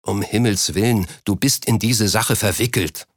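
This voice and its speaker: A man's voice: fairly low pitch, moderate pace, no room sound, studio quality, natural voice. A man reading an audiobook, voicing a flustered official who speaks in an anxious, indignant way. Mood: urgent. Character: flustered, panicky government official caught in scandal.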